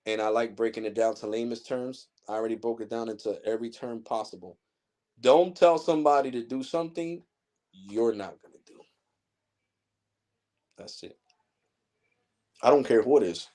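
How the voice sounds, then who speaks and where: This man in his forties hosts a tech channel and, during a casual livestream, rants at viewers bluntly, heatedly and with plenty of profanity. His voice is mid-range and mellow, moving at a moderate pace with frequent pauses.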